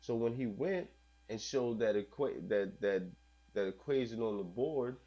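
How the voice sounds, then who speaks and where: Earnest co-host, man, lowish voice, muffled low-fidelity recording. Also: measured pace. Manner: earnest, explaining, restarts a lot. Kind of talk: casual chat. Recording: dull lo-fi sound.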